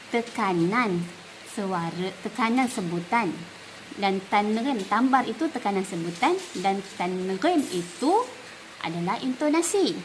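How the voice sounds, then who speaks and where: A woman's voice: a little high, fairly bright tone, slight background noise, rough recording. Malaysian woman teacher modeling Arabic stress. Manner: explanatory, repeats words slowly to model pronunciation. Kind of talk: instructional talk.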